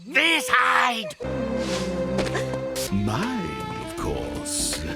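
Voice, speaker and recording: An actor playing a pompous, scheming, hot-tempered crocodile king in a cartoon, with a gravelly voice and melodramatic delivery. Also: mid-range voice, heavily acted. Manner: pompous, melodramatic, bellowing then silky. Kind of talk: theatrical cartoon villain acting. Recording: cartoon soundtrack with loud music.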